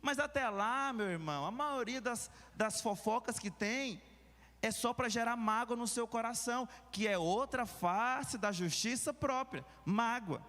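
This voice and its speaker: A man with a Brazilian Portuguese accent preaching a sermon as pastor, shifting between quick asides and slow, stressed words. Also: extremely high pitch, sharp tone. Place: large church hall. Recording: long reverb of a church hall.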